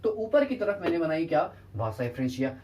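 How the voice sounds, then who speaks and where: A man's voice: a little high, big pitch swings, brisk, darkish tone, slight background noise. Man teaching in a casual lecture. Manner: quizzes students with rhetorical questions, then answers them himself; keeps repeating a check-in tag to students. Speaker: biology teacher. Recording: voice distant from the mic.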